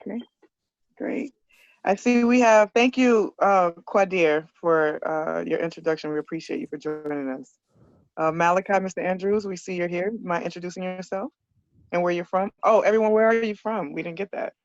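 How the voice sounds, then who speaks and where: A woman's voice: on the low side, moderate pace, dry recording. Brief: woman coordinator, upbeat and casual, greets students over muffled call audio, dry. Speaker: program coordinator. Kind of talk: welcoming students on a video call. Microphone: video call.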